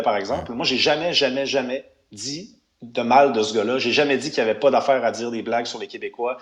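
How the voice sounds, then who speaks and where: A man's voice: mid-range voice, fairly bright tone, echoey room. A man with a Quebec French accent, giving emphatic opinions as a radio commentator, with many restarts and fillers.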